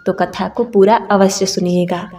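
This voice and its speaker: A woman narrating a devotional story, speaking to listeners as devotees in a gentle, steady telling. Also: medium pitch, moderate pace, in a large hall, soft background music.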